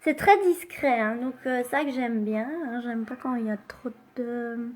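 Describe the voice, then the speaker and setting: A woman with a high voice hosts a casual live makeup demonstration. She talks slowly and chattily, sprinkling in small interjections. Now and then she drops into soft, near-whispered asides as she applies the product. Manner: chatty, unhurried, full of fillers like "hein" and "hop". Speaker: makeup live-stream host.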